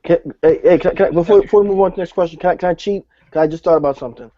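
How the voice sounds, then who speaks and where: Dark-voiced man from New Jersey. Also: high-pitched, rapid-fire, dry recording. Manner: animated, many fillers and restarts. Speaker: podcast co-host. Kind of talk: casual panel discussion. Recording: dull, lo-fi audio.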